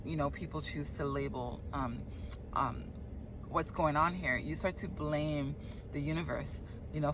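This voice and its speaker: A woman speaking off the cuff as a spiritual coach, earnest and reflective, halting now and then to repeat words. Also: low-pitched. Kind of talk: unscripted spiritual talk. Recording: clear background noise.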